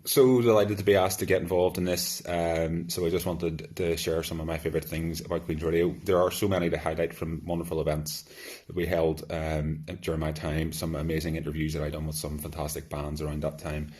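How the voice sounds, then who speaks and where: A man's voice: a bass voice, little pitch movement, a little fast, a little mellow. A man in his late thirties reminiscing in a recorded message, a little hesitantly. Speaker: former student radio head of music.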